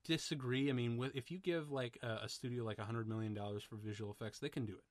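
A man co-hosting a podcast, chatting casually about a movie in an excitable, rambling way with plenty of swearing. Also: mid-range voice, quick pace, no echo, studio quality. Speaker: podcast co-host. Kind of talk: casual movie commentary chat.

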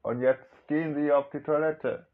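A man's voice: fairly high pitch, fairly even intonation, pitched above the performer's own voice, natural voice. A man playing a menacing male hijacker who speaks in clipped, broken sentences in a homemade audio drama. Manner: threatening, clipped broken German, slow and heavy. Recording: dull lo-fi recording, faint music.

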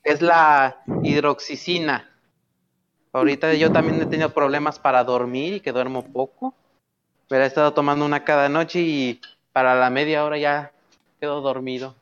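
A man's voice: fairly high pitch, steady tone, moderate pace, fairly bright tone, smooth, dull audio. A man in a casual voice chat with friends, rambling and correcting himself as he talks.

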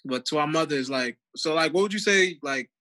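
A man's voice: on the high side, fairly quick, bright, forceful tone. A young man co-hosting a casual podcast chat, telling a story with laughter and acting out what others said. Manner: laughing storyteller who acts out quotes. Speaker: podcast co-host.

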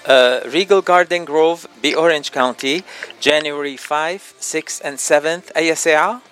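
A man's voice: fairly high pitch, steady tone, normal speed, a bit bright, clear, resonant tone, soft background music. A man hosting a casual radio interview, easygoing and teasing. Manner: easygoing, teasing, laughs often. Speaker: radio host.

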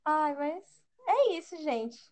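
A young Brazilian woman with a Brazilian accent chats casually as a podcast co-host, in a bubbly, girly, slangy and expressive way. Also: high-pitched, slow. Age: young adult. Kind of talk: casual chat between friends.

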